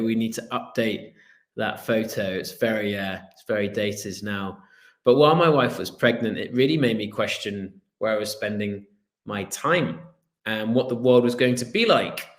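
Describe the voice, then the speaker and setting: A Welsh man in his thirties, a business founder giving an earnest online presentation with a storytelling manner and the odd filler pause. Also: lowish voice. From Wales. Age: 30s. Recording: roomy echo.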